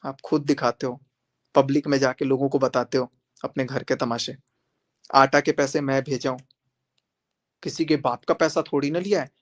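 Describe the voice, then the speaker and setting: A man's voice: medium pitch, steady tone, moderate pace, pauses often. A man on a live stream, speaking confrontationally and repeating himself as he calls a rival to join him. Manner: confrontational, repetitive, addressing viewers directly. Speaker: livestreamer.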